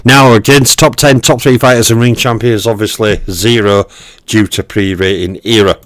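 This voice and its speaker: This man speaks at normal speed with a fairly low, slightly bright voice and fairly even intonation, with no room sound. Hailing from Western Europe, he hosts a boxing history channel, greets live chat and casually breaks down a fighter's stats with many ums and okays.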